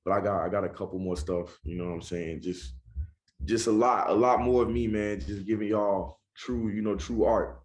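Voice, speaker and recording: A man's voice: fairly low pitch, steady tone, normal speed. A young man from Charlotte, North Carolina, with a Southern accent, a rapper talking casually in an interview and often saying "you know what I'm saying".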